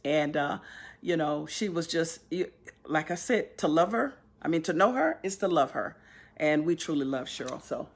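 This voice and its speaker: A woman's voice: sits low, animated, moderate pace. A woman giving an informal memorial tribute, rambling with fillers and restarts. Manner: rambling, many fillers and restarts, laughs easily.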